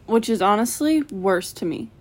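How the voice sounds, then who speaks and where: A woman joins a casual podcast chat with short interjections. Her reactions are sympathetic, and her voice sits at a plain middle pitch. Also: animated, normal speed.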